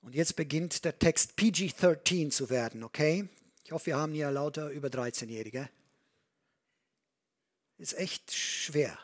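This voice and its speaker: A preacher in the middle of a sermon, reading scripture aloud and commenting on it as the story unfolds. The voice is husky and breathy, with animated, storytelling delivery. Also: mid-range voice, a little slow, pauses often.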